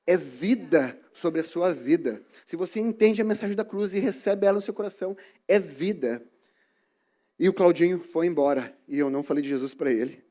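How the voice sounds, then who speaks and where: A man preaching a sermon in a church, telling stories in an animated way. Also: fairly high pitch, normal speed. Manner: animated storytelling, acting out scenes.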